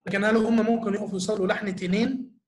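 Fast-talking Egyptian man teaching. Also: sits high, steady tone. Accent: Egyptian Arabic. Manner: earnest, explanatory, full of rhetorical questions. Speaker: church teacher. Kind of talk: answering audience questions in a talk.

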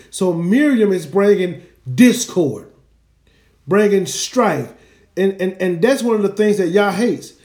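A man's voice: high voice, a little mellow. A man giving an earnest, explanatory Bible teaching, using Hebrew names. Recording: echoey room.

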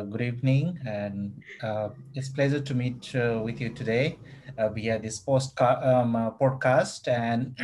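Halting mid-pitched man from Nepal. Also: a little mellow, slight background noise. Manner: halting, many fillers, searching for words. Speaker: podcast guest, doctoral student. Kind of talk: casual podcast interview.

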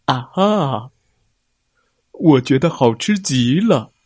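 A man's voice: medium pitch, animated, slow, a little mellow, no echo. A man voicing a greedy, gullible big male tiger in a children's story, whiny and naive. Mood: curious.

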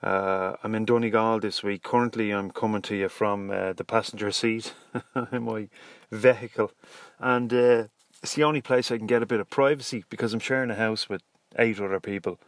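An Irish man records a solo podcast from the passenger seat of a parked car, talking in a casual, rambling, hesitant way. His voice is lowish and steady, the pace moderate, and the recording sounds dry.

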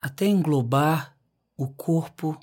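A man narrating a scripted guided meditation in a calm, unhurried way with long pauses. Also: on the high side.

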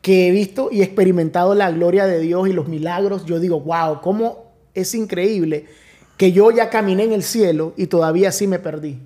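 High-voiced pastor telling a testimony. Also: male voice, moderate pace, dark tone. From Nicaragua. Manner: earnest storytelling, many restarts. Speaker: pastor, podcast guest. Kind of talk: testimony in casual conversation.

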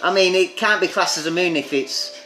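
A man co-hosting a casual podcast chat, blunt and sweary, pausing often on fillers. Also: high voice, music in the background. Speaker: podcast co-host.

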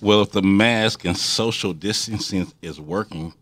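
A man's voice: lowish voice, a little slow, fairly bright tone, dry recording. A man co-hosting a talk radio show with wry, teasing remarks in casual banter in a studio. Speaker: co-host.

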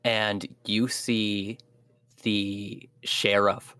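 A man's voice: fairly low pitch, level tone, very slow, bright, forceful tone, clear, resonant tone, no room sound. Dry-sounding man as game master. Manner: hesitant, filler-heavy. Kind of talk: narrating a tabletop game.

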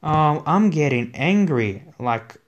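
Hoarse, swearing man ranting slowly. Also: a little high, lively intonation, lo-fi sound. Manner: profane, exasperated, swears constantly. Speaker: wrestling commentator. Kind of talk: ranting casual commentary.

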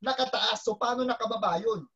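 A man telling a story in excitable casual Taglish, with bursts of shouting at the key moments. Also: extremely high pitch, fairly quick, dull audio, a crowd in the background. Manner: excitable, breaks into shouts at climaxes.

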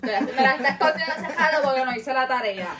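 Una mujer con acento puertorriqueño que interviene con comentarios burlones en una charla familiar. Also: female voice, high-pitched, expressive, fairly quick, a crowd in the background. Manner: teasing interjections. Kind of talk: casual family chat.

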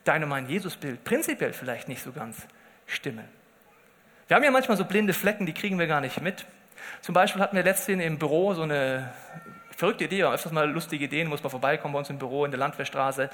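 High, bright-voiced man preaching in a hall. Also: fast talker. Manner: lively storytelling, acts out quotes. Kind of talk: humorous sermon. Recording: long hall reverb.

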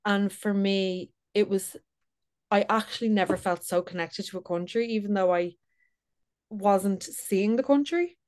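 A woman's voice: mid-range voice, measured pace, darkish tone. A woman podcast guest telling a travel story in an earnest way, with many fillers. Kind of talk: casual interview chat.

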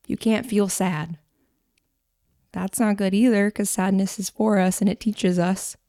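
A woman co-hosting a casual faith-based discussion, talking conversationally with fillers and quick asides. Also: mid-range voice, steady tone, warm tone, dry recording, studio quality. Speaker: podcast co-host.

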